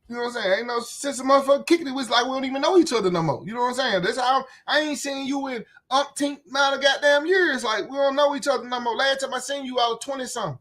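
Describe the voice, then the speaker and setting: This YouTube commentator, a Memphis man in his late thirties with a Southern US accent, delivers a casual, repetitive rant full of profanity and frequent "you know what I'm saying." He's outside on a windy day, and his voice is very high-pitched and a bit bright.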